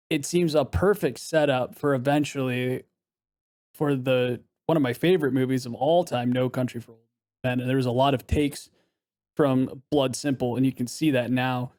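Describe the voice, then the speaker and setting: A man's voice: medium pitch, steady tone, normal speed, a little mellow, no echo, studio quality. Man musing casually on a film podcast. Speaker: podcast co-host.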